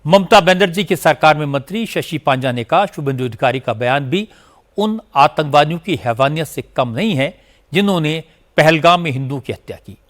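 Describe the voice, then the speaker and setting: A male news anchor reading scripted narration in a steady, formal way. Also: fairly high pitch, normal speed.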